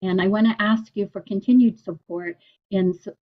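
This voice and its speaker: Dull-sounding, even-toned woman giving public comment. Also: medium pitch, moderate pace. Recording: dull, lo-fi online meeting audio.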